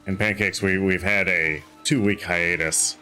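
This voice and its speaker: Tired male streamer, very low voice, rambling home chat with faint music behind. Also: fairly even intonation, measured pace, bright, forceful tone. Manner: rambling, chatty, many fillers and restarts. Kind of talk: casual chat while gaming.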